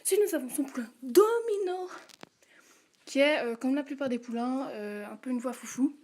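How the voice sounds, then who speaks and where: A woman's voice: high voice, lively intonation, normal speed, a little mellow. A woman hosting a casual casting-call video, listing characters and their voices with hesitant fillers and asides. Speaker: channel host casting voice actors.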